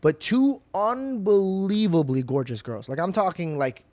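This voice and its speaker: A man's voice: sits high, a little slow, darkish tone, no room sound. A man hosting a podcast, talking bluntly and joking as he tells stories in casual chat. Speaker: podcast host.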